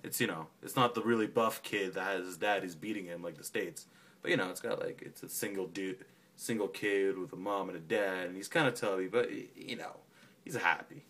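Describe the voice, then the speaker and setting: A man's voice: deep voice, a little fast, fairly bright tone. A man from Canada rambling casually on his vlog, profane and self-mocking. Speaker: vlogger.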